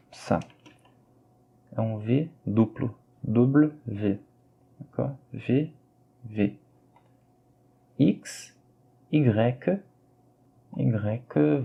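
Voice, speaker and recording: Slow, gravelly man teaching French. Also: medium pitch, lo-fi sound. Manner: slow and patient, repeats words for drilling. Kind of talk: classroom explanation while writing on screen.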